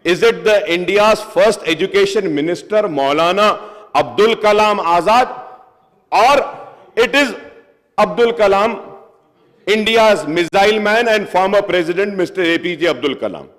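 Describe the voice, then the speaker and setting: A man's voice: high voice, very slow, fairly bright tone. A man speaking in a legislative assembly debate, addressing the chair as sir again and again and switching between Hindi and English. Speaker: member of a state legislative assembly. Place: large legislative assembly chamber. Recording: long reverb of a large hall.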